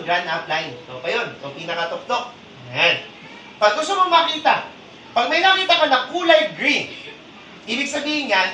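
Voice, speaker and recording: A man's voice: sits high, bright, forceful tone, a little hiss or hum. A man leading a live training seminar, teasing and quizzing his audience in call-and-response. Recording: echoey hall, distant mic, audience murmur.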